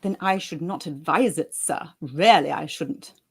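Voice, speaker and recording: A man's voice: fairly high pitch, measured pace, gravelly, breathy edge, heavily acted. A man voicing a prim, disapproving male valet, who speaks stiffly and formally. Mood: coolly disapproving.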